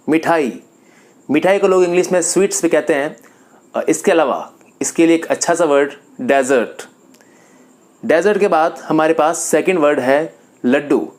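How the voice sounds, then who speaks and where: A man from Rajasthan teaching a vocabulary lesson, calmly going through a word list and repeating each term. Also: on the high side. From Rajasthan, India. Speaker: English teacher.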